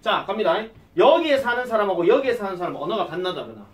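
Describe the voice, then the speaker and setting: A male English teacher, giving an exam-prep lecture and quizzing his students with quick questions. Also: high voice, sing-song, roomy sound, far from the mic.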